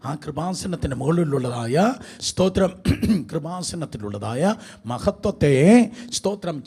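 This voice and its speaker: A man's voice: on the high side, dark tone. A man preaching a sermon to a congregation, calling for responses and mixing in English words. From India.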